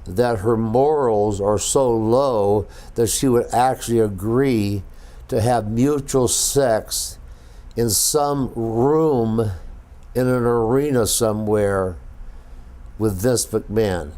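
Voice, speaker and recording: A man recounting a story in an interview, halting with many fillers and repeated words. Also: medium pitch, dark tone.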